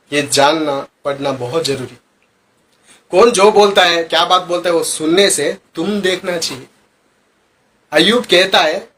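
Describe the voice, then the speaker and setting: A male pastor giving a sermon, asking the congregation questions and swinging between loud emphatic phrases and quiet asides. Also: high voice, a little hiss or hum. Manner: preaching with rhetorical questions to the congregation.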